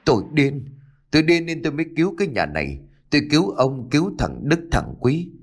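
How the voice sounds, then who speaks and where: A man voicing a bitter older woman in a ghost story, talking in rapid, shouted outbursts. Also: medium pitch, very animated, husky. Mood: frantic.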